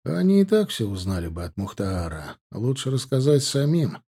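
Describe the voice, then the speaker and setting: A man's voice: mid-range voice, big pitch swings, moderate pace, dark tone, slightly rough. A man voicing a young border-guard soldier who talks in a cold, composed, pointed way. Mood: reassuring.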